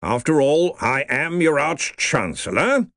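A man's voice: on the high side, very animated, a little slow, vocal fry, a bit bright, no room sound, clean studio sound, pitched above the performer's own voice, exaggerated voice. A man voicing a hearty, pompous old male wizard who heads a university. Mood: bossy.

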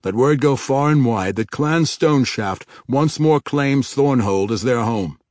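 A man voicing a commanding lord protector in an audiobook, calling out his proclamation loudly. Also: mid-range voice, measured pace, no room sound, studio quality, voice pushed up, natural voice. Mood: proclaiming. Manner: loud proclaiming. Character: commanding human lord protector, middle-aged.

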